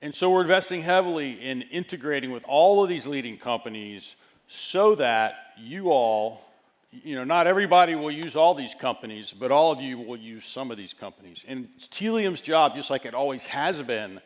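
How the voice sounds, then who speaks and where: A man giving a keynote presentation as a chief executive, speaking in deliberate, broken phrases with emphatic stresses. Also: medium pitch, lively intonation.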